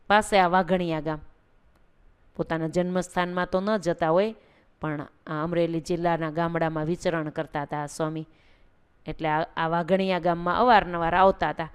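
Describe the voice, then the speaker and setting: A woman's voice: medium pitch, smooth. Woman telling a devotional story. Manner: animated, conversational narration. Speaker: religious storyteller.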